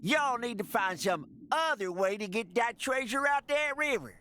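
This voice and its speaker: An actor voicing a folksy old prospector with an American Western drawl in a cartoonish video game. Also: male voice, very high-pitched, expressive, normal speed, sharp tone, heavily acted. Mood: sheepish.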